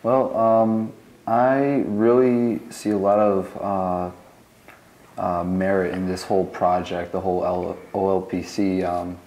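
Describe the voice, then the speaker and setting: A man's voice: low voice, flat delivery, slow pace, darkish tone, rough recording. A young male student speaking informally in an interview, hesitant and often searching for his words. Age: young adult. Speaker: computer science student. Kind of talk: informal interview about a project.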